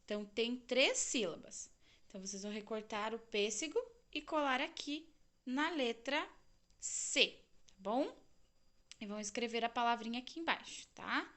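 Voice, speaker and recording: A woman's voice: on the high side, animated, normal speed, fairly bright tone. A woman teaching a recorded lesson to young children with a Brazilian Portuguese accent, stretching out syllables and asking the class questions. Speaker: primary school teacher.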